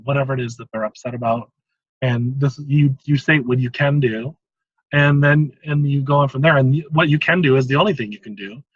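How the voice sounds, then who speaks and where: A man's voice: mid-range voice, fairly bright tone, slightly rough, no room sound, muffled recording. A man hosting an interview, explaining conversation techniques in a casual, teaching way with frequent chuckles. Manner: explanatory, chuckles often between points. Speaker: host.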